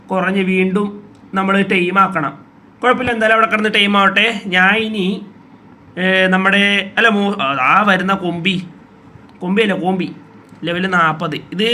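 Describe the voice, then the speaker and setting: Bright high-voiced man narrating his gameplay. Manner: chatty, talks to viewers as he plays, reacts with sudden exclamations. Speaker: gaming YouTuber. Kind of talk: casual gameplay commentary.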